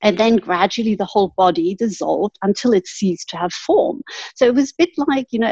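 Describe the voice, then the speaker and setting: A woman with a husky, slightly breathy voice at a middle pitch tells her story earnestly and laughs lightly now and then. The sound is dry and close, with a dull, lo-fi tone. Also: darkish tone, no echo. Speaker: guest. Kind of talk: reflective storytelling in an interview.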